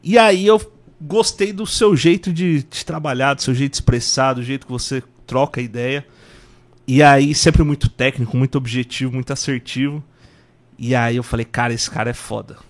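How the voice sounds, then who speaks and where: A podcast host with a Brazilian Portuguese accent conducts a casual interview in an informal, slangy, enthusiastic way. His voice is a medium pitch, steady in tone, and moderately paced.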